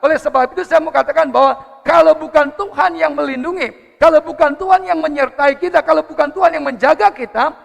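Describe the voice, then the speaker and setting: A man's voice: very high-pitched, a little fast, gravelly. A man preaching a sermon, moving a prayer into teaching. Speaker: pastor. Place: church service hall. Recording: church hall reverb with faint music.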